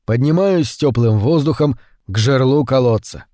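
A man reading a short story aloud, slow and brooding, raising his voice for the quoted lines. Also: mid-range voice, no room sound, studio quality. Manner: slow, hushed and brooding, with louder acted quotes. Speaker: audiobook narrator. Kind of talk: scripted narration of a short story.

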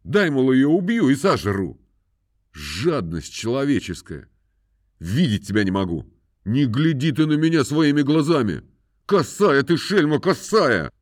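A man voices a pompous country landowner who scolds and moralizes at length, pitching his mid-range voice above his own natural register. The delivery is sing-song and a little slow, with a scolding, moralizing tone, recorded in studio quality without echo.

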